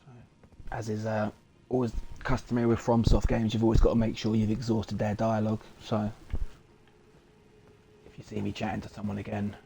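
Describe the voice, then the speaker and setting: A man with a lowish, fairly flat voice talks loosely over his game, stalling on fillers as he goes. Faint background noise sits under his voice. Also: fairly quick, vocal fry. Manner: rambling, relaxed, many fillers. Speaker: streamer. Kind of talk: casual gameplay commentary.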